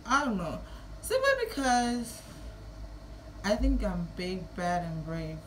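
A woman's voice: mid-range voice, expressive, slow, a little hiss or hum, rough recording. A woman in her early twenties with a Kittitian-Nevisian Caribbean accent, chatting casually and playfully to camera. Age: early 20s. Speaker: vlogger. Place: small room at home.

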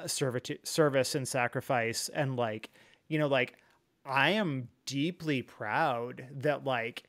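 A man's voice: medium pitch, fairly bright tone. A man speaking as a podcast guest, telling a personal story candidly, rambling and earnest with many fillers like "like" and "you know.". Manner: rambling, filler-heavy, frequent 'like' and 'you know'; earnest and reflective. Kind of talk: candid conversational chat.

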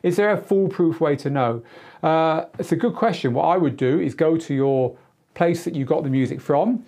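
Wearing a lapel mic in a small indoor studio, a middle-aged man who hosts and tutors DJs leads a live Q&A. His voice is fairly high and slightly mellow, and his explanations come across as informal, emphatic and conversational.

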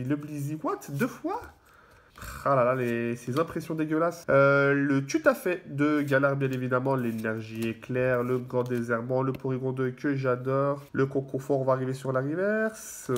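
A man giving casual, excitable commentary as he opens trading card packs, full of fillers and repeated words. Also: mid-range voice.

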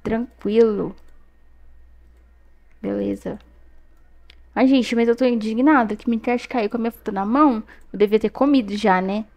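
A young woman with a Brazilian Portuguese accent chats through her gameplay in a rather high voice. She talks straight to her viewers and often breaks into excited exclamations. She is recorded close on a desk mic at her computer. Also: quick pace, few pauses, dull audio. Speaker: gaming youtuber. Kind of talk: casual gameplay commentary.

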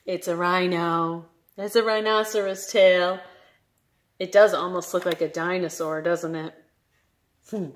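A young adult woman, a children's librarian reading aloud at story time in an animated, sing-song, questioning manner. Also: lowish voice, unhurried.

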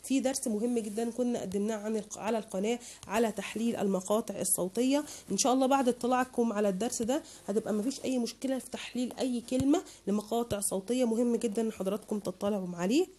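A woman with an Egyptian Arabic accent teaches children online, patiently splitting words into syllables for her pupils. Her voice is mellow and on the high side, and she speaks very fast.

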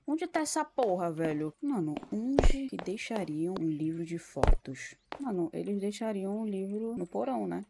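A woman's voice: mid-range voice, animated, moderate pace, gravelly, hardly any pauses. Swearing Brazilian woman gamer, noisy recording. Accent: Brazilian Portuguese. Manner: profane, jumpy, yelps and curses at scares. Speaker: gameplay video creator. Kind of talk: casual horror let's play commentary.

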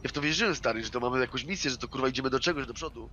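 A man's voice: medium pitch, very fast, sharp tone, muffled recording, slight background noise. A man rambling and swearing while role-playing in a game.

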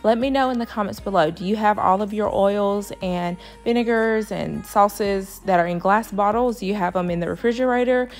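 A woman's voice: medium pitch, moderate pace, hardly any pauses, faint music behind. A young woman giving a casual voice-over for her home cleaning vlog, musing aloud with plenty of filler words. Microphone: voice-over, not recorded in the pictured kitchen.

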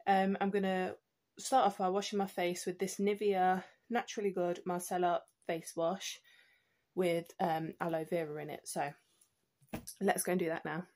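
A woman's voice: lowish voice, flat delivery, normal speed, darkish tone. A young British woman with a slightly stuffy nose chats casually through her skincare routine at home, with plenty of ums and restarts. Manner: chatty, many ums and restarts. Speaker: beauty vlogger.

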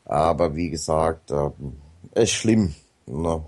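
A man's voice: extremely low pitch, slow, darkish tone. A man talking casually as a guest on a radio show, rambling with many hesitations and fillers.

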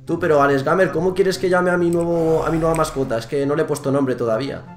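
A man's voice: on the high side, fast talker, soft background music. A young man with a Spain Spanish accent, teasing another player in casual gaming chat. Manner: teasing, mock-friendly. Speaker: youtuber pranking a player.

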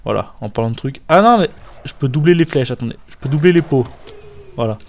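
A man's voice: medium pitch, expressive, fairly quick, creaky, darkish tone. A young man chatting casually through gameplay commentary, swearing freely and wandering into asides. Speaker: gamer. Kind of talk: let's play commentary.

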